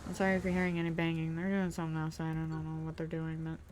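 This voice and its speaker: Speaking in a low, completely flat voice, rapid-fire and over background noise, a young woman vlogs from her bedroom. She plays a driving video game and tells a casual story about herself, hesitating constantly with ums and restarts and running herself down.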